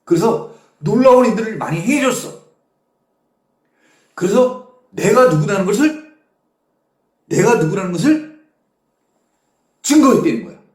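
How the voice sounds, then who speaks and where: A man's voice: high voice, lively intonation, a little slow, long pauses, a little mellow, echoey room. A man preaching a Bible study, explaining each verse in casual speech and acting out the quotes.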